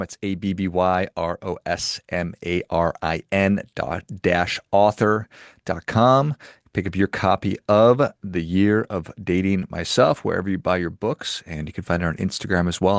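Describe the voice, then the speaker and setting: A man hosting a podcast interview, affirming his guest and wrapping up with smooth outro patter. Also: sits low, no room sound, studio quality. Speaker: podcast host.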